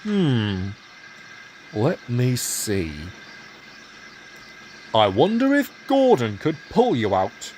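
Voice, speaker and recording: Guy playing a stern chubby railway boss, slow and firm, lively pitch. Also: slight background noise. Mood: pondering.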